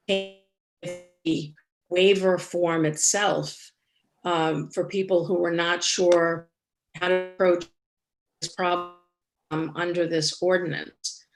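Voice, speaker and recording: Woman on a glitchy video call that keeps cutting out, gravelly lowish voice, hesitant and sorry-sounding. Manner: hesitant, apologetic, halting. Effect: unstable video call connection cutting out. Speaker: meeting chair. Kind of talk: online public meeting.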